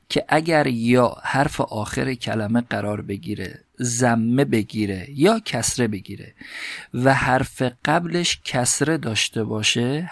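Man slowly parsing Arabic in a lecture. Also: no room sound, studio quality. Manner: explanatory, recites Arabic phrases slowly and higher. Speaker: teacher of Arabic grammar. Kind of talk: classroom lecture explaining a text.

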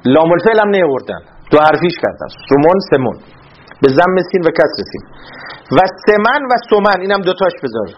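A man's voice: on the high side, big pitch swings, muffled recording, a little hiss or hum. A man teaching Arabic grammar in a classroom lesson, reading a text aloud and explaining it, asking questions and answering them himself.

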